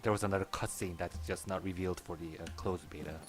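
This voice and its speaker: A man offers casual, musing gameplay commentary, a bit hesitant, in a low-pitched, steady voice delivered fast. Faint game music sits in the background.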